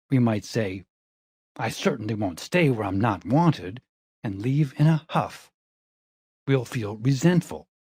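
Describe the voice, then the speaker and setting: Man, audiobook narrator, measured and calm, breathy tone, dry close sound. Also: medium pitch, no room sound.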